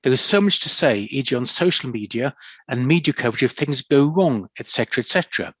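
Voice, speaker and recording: A man's voice: mid-range voice, animated, slightly rough, no room sound. A man moderating a panel debate over a video call, politely reading out audience questions and inviting panelists. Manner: polite, measured, reads questions out. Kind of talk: chairing a panel Q&A. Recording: dull, dry lo-fi call audio.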